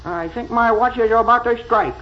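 High-voiced sly radio fox. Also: male voice, normal speed. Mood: sly, reassuring. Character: sly, falsely polite male fox, scheming predator. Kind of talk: old children's radio drama acting. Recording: noisy lo-fi old radio transcription.

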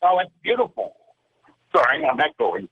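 A man's voice: a little high, huge pitch swings, moderate pace, husky. A male caller asking a casual question in a friendly, easygoing way over a cell phone line that echoes. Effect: echoing cell phone line. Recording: distant echoing cell phone call.

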